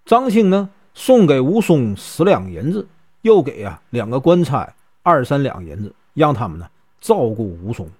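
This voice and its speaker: Male storyteller, Northeastern Mandarin accent, chatty and animated. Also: mid-range voice, slightly rough. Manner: chatty, with many drawn-out fillers. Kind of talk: casual storytelling.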